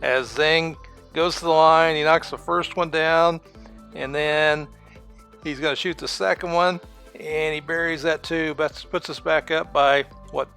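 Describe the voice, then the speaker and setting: A man giving casual, excited play-by-play commentary on a basketball video game, laughing often and sometimes losing track of the score. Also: on the high side, unhurried, gravelly, faint music behind. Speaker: gaming commentator.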